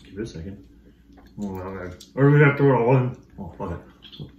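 A man's voice: fairly low pitch, expressive, a little fast, a little mellow, roomy sound, dull audio, slight background noise. A man chatting casually as he tastes spicy snacks, trading dry jokes with his co-host. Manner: joking, dry asides. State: coughing and sweaty. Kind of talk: casual chat.

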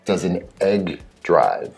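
A man's voice: deep voice, sing-song, takes it slowly, creaky, darkish tone, breathy edge, soft background music. A man in his thirties or forties telling dad jokes in a casual chat, setting up each one before the punchline. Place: small indoor room, seated at table.

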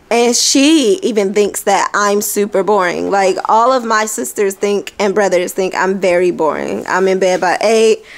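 A woman in her thirties hosting a family vlog at home, chatting casually and laughing as she tells stories. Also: mid-range voice. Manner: laughing, animated storytelling. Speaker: vlog host, mother. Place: living room at home. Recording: echoey room with some noise.

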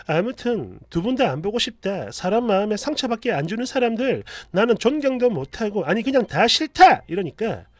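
A man dramatically reading an online post aloud as a storyteller, expressive and sarcastic with muttered asides. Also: high voice, normal speed, hardly any pauses, no echo.

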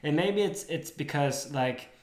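A young Swedish man with a voice on the high side chats casually and unhurriedly as a podcast co-host at a living room table. He's animated and often repeats words when starting sentences, speaking into a desk mic in a recording with roomy echo.

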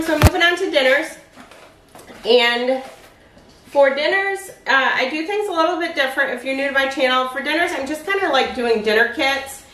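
In this casual home-kitchen cooking demo, a woman in her forties talks through each step of her meal prep in a chatty way. Her high voice sounds pushed and bright, and the echoey kitchen is recorded from a distance by a far camera.

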